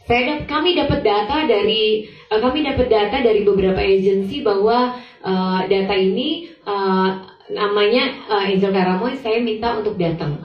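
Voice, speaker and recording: Young woman, church testimony, storytelling with acted-out dialogue, roomy echo, dull muffled sound. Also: fairly high pitch. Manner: lively storytelling, acts out dialogue, keeps addressing the congregation. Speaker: testimony speaker. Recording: echoey hall, far from mic, dull.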